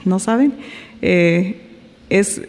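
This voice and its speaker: A man with a high voice leads an informal Bible class, reading passages and asking the group questions as he goes. The room has a long, lingering reverb behind his voice. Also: darkish tone. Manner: asks the group questions, pauses and self-corrects. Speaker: Bible study teacher.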